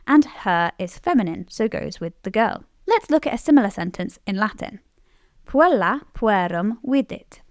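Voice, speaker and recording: A woman explaining Latin grammar in a scripted lesson, clearly stressing the key words. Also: mid-range voice, darkish tone, dry recording, studio quality. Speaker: Latin teacher.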